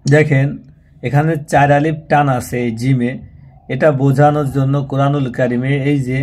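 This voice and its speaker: A man's voice: mid-range voice, a little mellow, slight background noise. A man giving a Quran reading lesson, spelling out each word and explaining pronunciation rules. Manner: slow drawn-out recitation alternating with plain explaining. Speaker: Quran recitation teacher.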